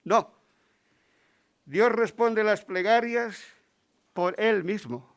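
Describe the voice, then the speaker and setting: A man's voice: sits high, drawn-out words, creaky. A man with a Spain Spanish accent preaching a Sunday sermon in church, stopping to ask the congregation rhetorical questions. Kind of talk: Sunday sermon with Bible readings.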